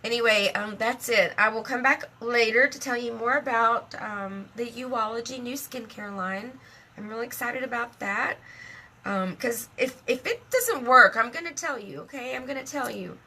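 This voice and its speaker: A middle-aged woman chatting casually on a live stream, emotional and talkative, laughing often and speaking warmly about her faith. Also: a little high, moderate pace, slight background noise. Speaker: live video host.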